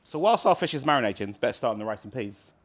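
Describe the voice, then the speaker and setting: A man's voice: mid-range voice, very animated, fast talker. Man explaining food informally. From Barbados. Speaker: street-food cook. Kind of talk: casual cooking demonstration.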